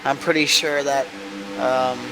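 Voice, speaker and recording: A man's voice: flat delivery, a little slow. A man working as a motorsport commentator, giving live, conversational race commentary on a broadcast. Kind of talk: live race commentary with casual trackside interview. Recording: noisy broadcast with vehicle rumble.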